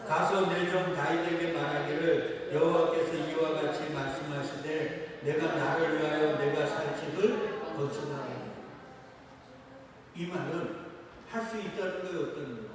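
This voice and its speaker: Pastor guy preaching, kinda high voice, church mic from far off with a long echo. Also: a little slow, a crowd in the background. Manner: asks the congregation questions, reads scripture aloud. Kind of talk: sermon. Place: church sanctuary. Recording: echoey hall from a distance.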